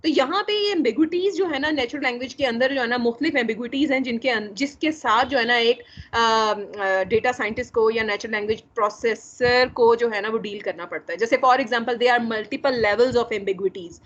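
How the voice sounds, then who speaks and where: A woman teaching a casual lecture, often filling pauses with a repeated tag phrase and mixing in English terms. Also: on the high side, fairly bright tone. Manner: frequent filler "jo hai na", mixing English terms. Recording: muffled lo-fi voice recording.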